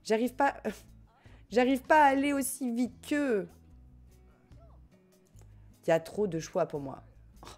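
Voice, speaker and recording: Taking her time with long pauses, a woman with a slightly high, animated and darkish voice streams a life-sim game, with faint music behind. She has a French accent and reads her chat casually, joking and laughing often.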